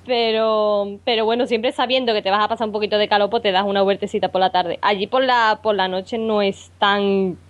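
A woman's voice: medium pitch, steady tone, fairly quick, hardly any pauses, lo-fi sound. A woman from Écija, guest on a podcast, speaking casually and hesitantly. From Écija, Andalusia. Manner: hesitant, thinking aloud.

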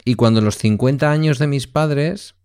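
A man's voice: medium pitch, normal speed, a little mellow, clean tone, dry recording, clean studio sound. A man the there, telling personal stories in a reflective way as a podcast co-host. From Basque Country, Spain. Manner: reflective anecdotal storyteller. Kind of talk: casual conversation.

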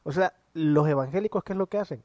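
A man's voice: a little high, quick pace, darkish tone, dry recording. A man co-hosting a casual podcast, arguing animatedly and retelling TV scenes with quoted lines. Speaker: podcast co-host. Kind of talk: casual chat.

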